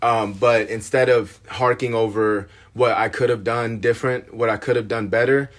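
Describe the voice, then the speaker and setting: A man hosting a casual podcast, his voice sitting mid-range. He talks in a halting, subdued way, full of fillers and restarts. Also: medium pitch, steady tone. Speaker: podcast host.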